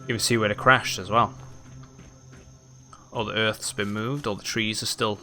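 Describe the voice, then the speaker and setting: A man's voice: lowish voice, steady tone, moderate pace, bright, forceful tone, faint music behind. A man giving casual let's play commentary, thinking aloud as he plays. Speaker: gaming YouTuber.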